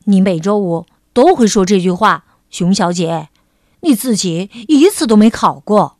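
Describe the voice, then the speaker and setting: A woman's voice: mid-range voice, lively intonation, unhurried, darkish tone, no echo, studio quality, pitched below the performer's own voice, close to an everyday voice. A woman voicing a fussy, irritable male rabbit in a storybook reading, with a grumbling, exasperated manner.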